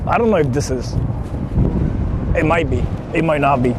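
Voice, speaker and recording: A Japanese man with a voice on the high side livestreams from his car as he drives around a city, speaking at a moderate pace. He chats colloquially and slangily, explaining things to viewers, with car and urban traffic noise clearly captured.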